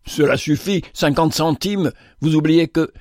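A man voicing a coarse, mocking male bandit in an audiobook, with a jeering, rough delivery. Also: on the high side, measured pace, darkish tone, no room sound, studio quality, pitched above the performer's own voice, close to an everyday voice. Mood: protesting.

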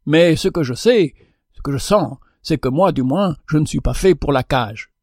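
A man's voice: fairly high pitch, lively intonation, normal speed, no echo, studio quality. A man reading a storybook, voicing a wild young male goldfinch who pleads for freedom. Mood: protesting. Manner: pleading, impassioned.

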